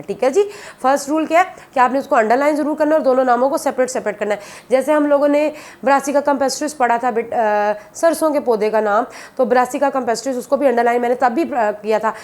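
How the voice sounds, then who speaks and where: A woman's voice: on the high side, a little mellow. A woman, teaching a biology lesson and explaining each point patiently and repeatedly, often addressing students as "beta". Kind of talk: classroom lecture.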